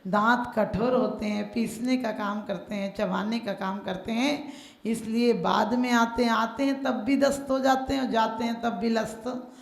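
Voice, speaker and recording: A woman delivers a storytelling sermon, voicing the characters in her tales and slipping into chanted verse. Her voice sits fairly high and has a gravelly edge. The sound carries the echo of a large hall. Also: fairly even intonation, a little slow. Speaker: Jain nun preacher. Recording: echoey hall.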